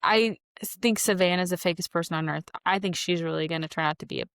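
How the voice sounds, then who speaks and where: Lowish gravelly woman podcaster, chatty and opinionated, dry close sound. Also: fast, a bit bright, no echo. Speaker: podcast co-host. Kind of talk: casual chat.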